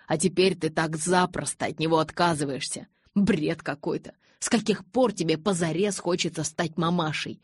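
A woman reading the lines of a hot-tempered, desperate young man in an audiobook, loud and insistent. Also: sits low, normal speed, breathy edge, no room sound, studio quality. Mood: angry. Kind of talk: audiobook character voice.

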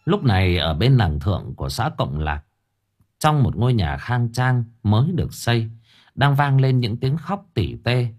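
A man narrating an audiobook story in a lively, colorful storytelling manner. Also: mid-range voice, normal speed.

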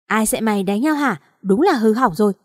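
A woman's voice: fairly high pitch, animated, brisk, no room sound, studio quality. A woman voicing a stern, angry father who harshly scolds his young son in an audio story. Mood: furious.

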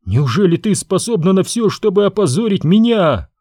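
Male reader as a hot-headed young prince, high and lively, dark dry tone, storybook reading. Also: moderate pace, no room sound. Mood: furious. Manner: heated, accusing, shouting. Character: proud angry young prince, quick to accuse.

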